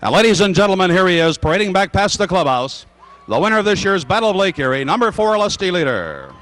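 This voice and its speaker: A racetrack announcer, a man with a fairly high voice, speaks formally into the public-address microphone. He projects each result and payout in a measured announcing style. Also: very animated, fairly bright tone.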